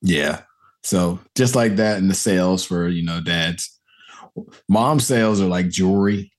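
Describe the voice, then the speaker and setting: A man's voice: low voice, unhurried. A young man co-hosting a casual podcast, laughing often as he talks loosely and profanely. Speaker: podcast co-host. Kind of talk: casual chat.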